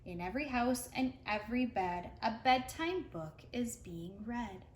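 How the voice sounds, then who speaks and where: A woman reads a rhyming picture book to preschool children in a voice that's slightly high, expressive, and a bit slow. She serves as a read-aloud storyteller. The recording has a roomy feel and faint noise in the background.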